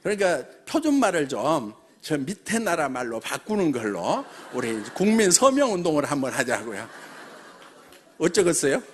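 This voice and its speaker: A middle-aged company chairman from Jeolla addresses members in a rousing motivational talk. His voice sits high for a man and swings widely in pitch. He keeps prodding the audience with rhetorical questions. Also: moderate pace, a little hiss or hum. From Jeolla region, South Korea. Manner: animated, peppers speech with rhetorical questions and laughs.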